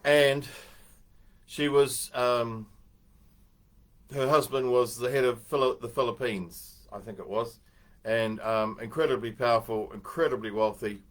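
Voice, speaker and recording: Older kiwi guy hosting a chatty little talk, rambly and anecdotal, middle-pitched voice. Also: steady tone, a little slow. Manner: rambling, anecdotal, with restarts and chuckles. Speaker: host. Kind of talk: casual spoken talk.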